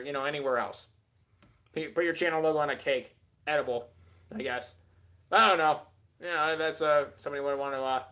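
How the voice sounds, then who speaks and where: A man's voice: a little high, a bit bright. A man hosting a live stream, rambling casually and answering chat with many filler words.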